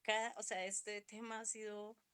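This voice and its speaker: A middle-aged woman sharing a personal reflection in a women's Bible study, talking in an emotional, halting way with frequent restarts. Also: mid-range voice, little pitch movement, a bit bright, smooth. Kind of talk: personal reflection in a group discussion.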